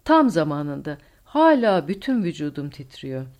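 A woman's voice: low-pitched, very animated, unhurried, darkish tone. A woman voicing a tense male wartime pilot in an audiobook, speaking in a raised, urgent voice.

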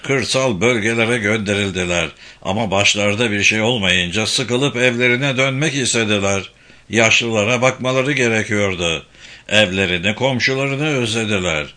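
A gruff rescue worker spitting out each complaint in a low, bitter voice, read by a man. it's a wartime audiobook scene and his tone stays sharp and bright the whole way through. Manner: bitter, resentful.

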